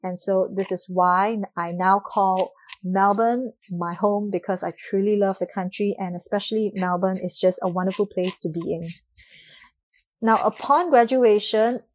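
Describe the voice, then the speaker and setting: A woman's voice: medium pitch, moderate pace. A woman in her thirties from Malaysia, hosting her own podcast in an earnest, upbeat monologue that often strings thoughts together with "and so.". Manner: earnest, upbeat, with frequent "and so" and restarts. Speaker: podcast host.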